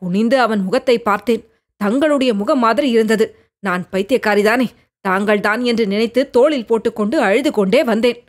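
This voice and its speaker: A woman's voice: a little high, a little fast, lightly acted. A woman voicing a fierce, harsh-voiced female ascetic who lives in a cave, telling her tale with drama. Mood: recounting. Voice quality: harsh, hard voice.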